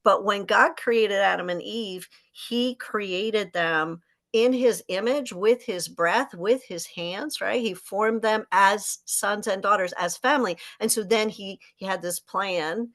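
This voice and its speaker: A woman's voice: medium pitch, slow, fairly bright tone. A woman in her sixties, a guest on a faith podcast, telling her story in an earnest, joyful way. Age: 60s. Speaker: podcast host, author and speaker, as guest. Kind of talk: faith-based conversation.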